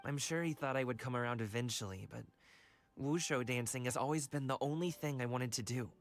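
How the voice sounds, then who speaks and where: A man's voice: medium pitch, fairly quick, lightly acted. A man voicing a friendly, carefree young wushu dancer in a video game. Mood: earnest, wistful. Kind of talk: video game character voice acting. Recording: game music behind the voice.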